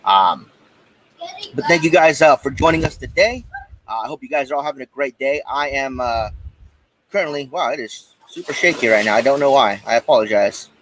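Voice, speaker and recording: A man's voice: mid-range voice, a little fast, noisy background. An American man hosting a podcast live from a backyard, chatting informally with viewers in a hesitant, rambling way. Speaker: podcast host. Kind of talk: casual live-stream chat to viewers. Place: outdoors in a backyard.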